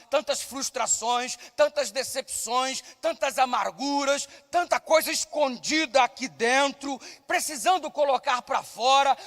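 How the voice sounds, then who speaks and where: Loud male preacher with a very high voice, telling comic stories in a reverberant church hall. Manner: loud, shouting at times, acting out voices in his stories. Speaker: pastor. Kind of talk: sermon with comic storytelling.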